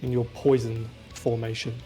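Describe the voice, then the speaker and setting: A man's voice: mid-range voice, little pitch movement, moderate pace, mellow, faint music behind. A man leading a raid group, patiently explaining positions step by step, heard over group voice chat. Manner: methodical, patient step-by-step calls. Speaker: raid leader.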